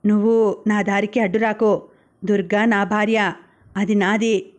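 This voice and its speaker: A woman voicing a drunk, angry young mechanic who makes menacing threats, read in her own flat voice. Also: high-pitched, unhurried. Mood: drunk, threatening.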